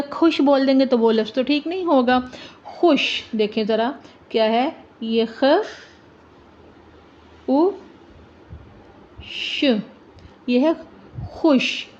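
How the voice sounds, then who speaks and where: A teacher whose first language is Urdu gives a slow, deliberate alphabet lesson for teachers and children, repeating letters and words and checking in with "ठीक है". Her voice is higher and a little mellow. The recording is dull and lo-fi.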